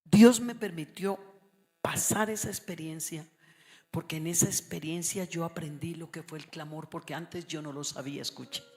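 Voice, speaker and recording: A middle-aged woman from Colombia preaching a sermon, moving between hushed storytelling and loud, shouted exhortation. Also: deep voice, normal speed. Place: church. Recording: reverberant church hall.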